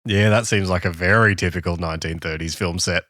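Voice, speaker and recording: An Australian man co-hosting a podcast, joking and reacting with quick quips. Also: low voice, steady tone, bright, forceful tone, dry recording, clean studio sound. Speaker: podcast co-host. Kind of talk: casual chat.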